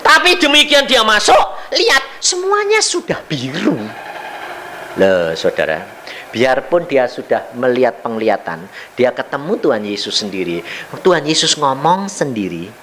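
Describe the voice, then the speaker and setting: A man's voice: wildly swooping pitch, normal speed, bright, forceful tone, a little hiss or hum. An older man preaching a sermon, telling a story and acting out its dialogue. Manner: storytelling with wide pitch swings and acted-out dialogue. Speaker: evangelist preacher.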